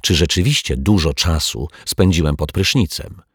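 A man's voice: extremely low pitch, normal speed, husky, dry recording, clean studio sound. A man voicing a dreamy, absent-minded detective in a children's audiobook, puzzled and earnest.

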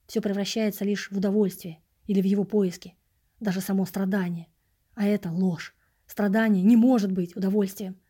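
A woman voicing a hushed, pleading homeless man. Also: medium pitch, fairly even intonation, a little fast, breathy edge, lightly acted. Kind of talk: audiobook reading.

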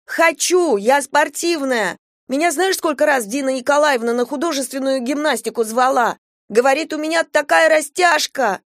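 A defiant young girl yelling and protesting in a storybook reading, her voice pitched high and loud, as a woman narrator puts her on. The sound is dry and close, with no room around it. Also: animated, normal speed, no echo, natural voice. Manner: wailing, shouting, indignant.

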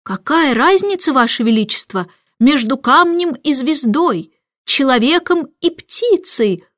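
A woman voicing an eager, excitable old male professor who asks questions in a high, drawn-out voice. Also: no echo, studio quality.

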